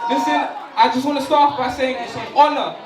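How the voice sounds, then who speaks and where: A man's voice: very high-pitched, fairly even intonation, brisk, distant mic. A young man doing a stand-up set in a big hall, slightly tipsy, joking and laughing with the crowd. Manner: playful, laughing, shouting to the crowd. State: a bit tipsy. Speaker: stand-up comedian. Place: stage in a large hall with audience. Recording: echoey hall, mic picked up from afar, loud crowd. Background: audience laughter and cheers.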